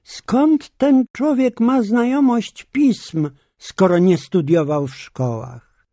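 A puzzled crowd of doubting men asks its questions, read aloud by a man. The questioning lines come with a raised pitch and stay slow and mellow. The tone is one of disbelief. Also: dry recording, studio quality. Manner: questioning, incredulous reading. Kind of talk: scripture reading.

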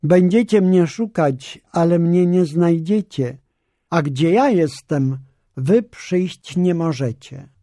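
A man reading Jesus, solemn and unhurried. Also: fairly high pitch, mellow, dry recording, studio quality. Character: Jesus, a calm male teacher speaking with authority. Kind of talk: scripture reading.

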